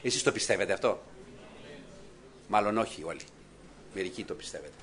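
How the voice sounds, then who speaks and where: A man preaching a sermon to a congregation, swinging between loud exclamations and hushed murmurs and putting questions to his listeners. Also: deep voice, lively intonation.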